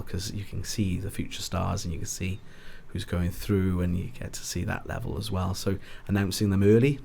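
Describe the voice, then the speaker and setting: Gravelly, very deep Welsh Valleys man. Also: darkish tone. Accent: South Wales Valleys. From Ebbw Vale, South Wales. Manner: hesitant, rambling, self-correcting. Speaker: boxing ring announcer, podcast guest. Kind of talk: casual interview chat.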